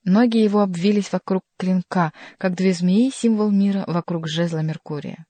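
Woman narrator, audiobook reading, measured, mellow tone, dry close sound. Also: on the low side, no echo. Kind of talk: scripted narration.

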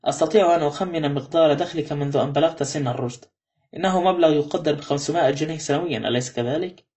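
A man reading the lines of a calm, grateful older male ex-convict in an audiobook, quietly and evenly. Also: on the high side, very fast, close to an everyday voice.

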